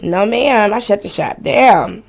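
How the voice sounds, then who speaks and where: With vocal fry and a slightly slow delivery, this medium-pitched livestream host in her forties chats casually about house rules and gives shout-outs. Her style is blunt, slangy and playful, and she swears freely.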